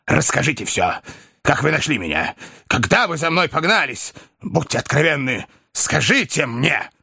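Man doing a gruff-looking gent who's actually soft, clipped little sentences, bright lively voice. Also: on the high side, normal speed, dry recording, clean studio sound, pitched above the performer's own voice, heavily acted. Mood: earnest. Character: fierce-looking gentleman turned eager to make peace. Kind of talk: audiobook character reading.

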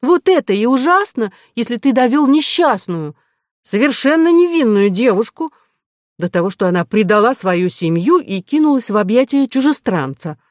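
In studio-quality audio with no echo, a woman voices a proud, imperious young princess for an audiobook, delivering lines in a commanding, indignant, emphatic way. Her natural voice is fairly low and a little mellow, with lively intonation at a normal speed.

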